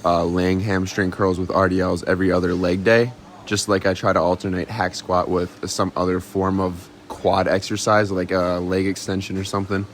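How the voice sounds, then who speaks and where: A man's voice: low-pitched, little pitch movement, normal speed, slight background noise. A young man, a fitness vlogger, giving casual commentary on a workout.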